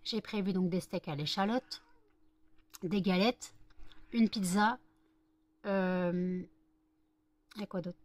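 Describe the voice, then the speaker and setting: A woman's voice: fairly low pitch, slow pace, long pauses, no room sound. Woman vlogger thinking aloud, dry sound. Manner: rambling, many hesitations, thinking aloud. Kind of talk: casual chat to camera. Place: at home.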